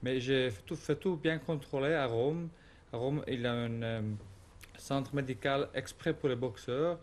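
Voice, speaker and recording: A man's voice: medium pitch, a little slow. Man, searching for words. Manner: searches for French words, determined. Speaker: boxer. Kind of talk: TV talk show guest.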